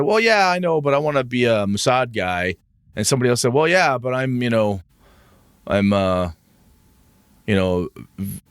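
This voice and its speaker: A lower-pitched man talks on a casual podcast about running tabletop games, using restarts and the odd curse. His voice leaps upward when he acts out disbelief. The sound is dry and close. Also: no echo. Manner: animated, swings pitch up for mock-indignant asides; casual swearing, many restarts. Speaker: podcast co-host. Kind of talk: casual gaming chat.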